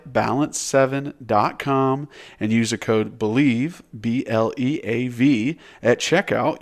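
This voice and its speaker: A man giving a loose, conversational sponsor read for a podcast. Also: medium pitch. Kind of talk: casual ad read.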